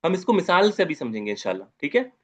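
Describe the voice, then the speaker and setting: A man with a fairly high voice teaches Arabic grammar in an online lecture. He drills each term over and over and keeps checking in with his students. The recording is dull and lo-fi. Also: very animated, quick pace. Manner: repetitive, drilling Arabic terms with questions to students.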